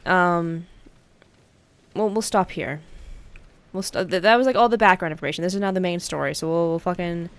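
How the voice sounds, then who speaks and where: A woman's voice: lowish voice, normal speed, long pauses, clear, resonant tone. A young woman casually chatting while playing a video game, rambling and swearing freely. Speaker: let's play streamer. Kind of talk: casual gameplay chat.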